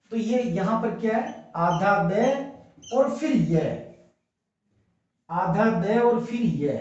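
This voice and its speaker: A man's voice: sits high, darkish tone. A man teaching an exam class at a whiteboard, explaining step by step and asking rhetorical questions. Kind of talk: whiteboard lesson for exam students. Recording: very echoey room, dull lo-fi sound.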